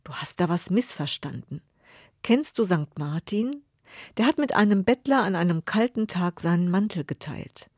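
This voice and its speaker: A woman voicing a small, gentle angel who speaks softly and patiently. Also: fairly low pitch, expressive, normal speed, breathy edge, no room sound, studio quality. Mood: gently firm. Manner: soft, patient, sometimes whispered.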